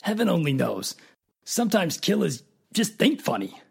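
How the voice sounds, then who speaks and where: The actor pushes his smug, cold-killer private detective in the radio mystery drama into very animated, exaggerated territory, still raspy, gravelly and coolly sardonic. His pitch is medium, his pace moderate, and his mood skeptical.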